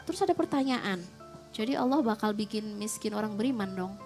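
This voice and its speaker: A young woman giving a casual religious talk, chatty, mixing in English phrases and filling pauses. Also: mid-range voice, lively intonation, darkish tone, soft background music. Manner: chatty, mixes English phrases, frequent fillers. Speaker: Islamic preacher.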